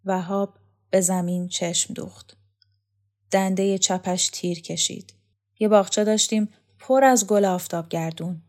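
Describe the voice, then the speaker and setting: A woman narrates a literary novel in a calm, measured reading voice of middling pitch. She gives each line room, in the way of a storybook audiobook.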